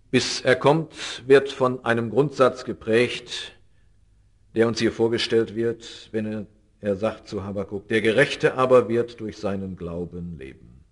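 A middle-aged man preaches a sermon with earnest conviction. His pitch and loudness rise on key phrases and sink low at the ends of sentences. He slows down to stress important words.

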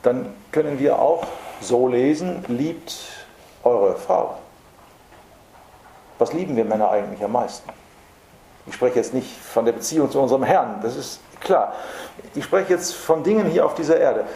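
Male preacher, emphatic sermon delivery, dark tone, roomy hall sound. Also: mid-range voice, animated. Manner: earnest, emphatic, with slow stressed repetitions. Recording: roomy hall with faint background noise.

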